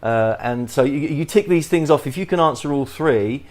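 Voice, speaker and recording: English man hosting, halting delivery. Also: fairly high pitch. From England. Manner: halting, many restarts and fillers, chuckles often. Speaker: podcast host. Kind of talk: podcast interview.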